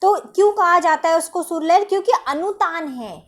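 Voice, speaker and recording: Woman, teacher, high pitch, exam-prep lecture, asks and answers her own questions. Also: lively intonation, moderate pace. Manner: explains step by step, asks and answers her own questions, says "ठीक है?" often.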